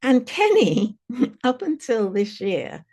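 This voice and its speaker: A woman hosting a retreat webinar, leading a guided visualization and telling a story in an expressive way, sometimes dropping to a near whisper. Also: fairly high pitch, slow pace, slightly rough. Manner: lively, laughing as she tells a story. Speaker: retreat host presenting a webinar.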